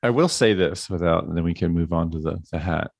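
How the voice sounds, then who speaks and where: A man with a deep voice banters on a podcast, quick to tease and joke. The sound is close and dry, with no room around it. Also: gravelly, breathy edge, no echo. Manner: joking, quick to tease and riff on his partner. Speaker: podcast co-host. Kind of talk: casual podcast chat.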